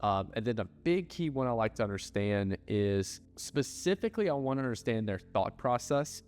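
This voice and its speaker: A man's voice: medium pitch, big pitch swings, normal speed, a little mellow. A man giving casual business advice, blunt and loose, with lots of filler words and the odd swear. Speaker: ad agency owner. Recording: hall reverb with faint music.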